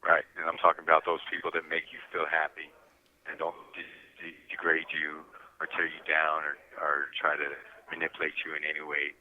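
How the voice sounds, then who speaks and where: A man's voice: extremely low pitch, monotone, fairly quick. A man calling in on a prison phone line, talking earnestly and casually and often restarting his words. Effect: heard over a prison phone line. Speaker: incarcerated guest calling in. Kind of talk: casual chat.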